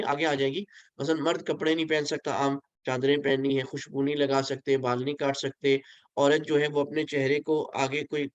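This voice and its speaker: A man's voice: fairly high pitch, no echo. A man giving an online pilgrimage training lesson, explaining step by step and slipping English phrases into his talk. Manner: explains patiently, asks listeners to repeat, mixes in English phrases. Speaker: religious instructor. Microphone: video call.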